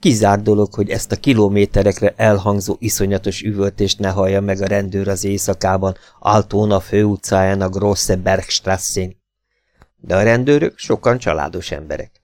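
A man reading a novel aloud as an expressive, dramatic audiobook narrator. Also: fairly low pitch, dry recording.

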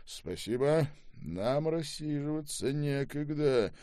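A man voicing a calm male investigator who gives orders, in an audiobook. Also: on the high side, takes it slowly, dry recording, clean studio sound, voice pushed up. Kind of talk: audiobook character voice.

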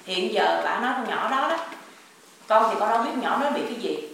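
A woman with a Southern Vietnamese accent telling a family story at a spiritual consultation, quick and tumbling, full of quoted speech. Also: mid-range voice, animated, gravelly, fairly bright tone, far from the mic. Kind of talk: emotional storytelling. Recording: echoey room, voice from afar, faint noise.

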